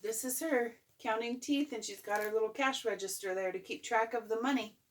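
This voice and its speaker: An older woman, a grandmother, reading a bedtime story aloud in an expressive, playful way, as if to a child. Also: a little high, a little fast, slight background noise. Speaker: grandmother reading a picture book. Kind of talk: bedtime story read-aloud with chatty asides.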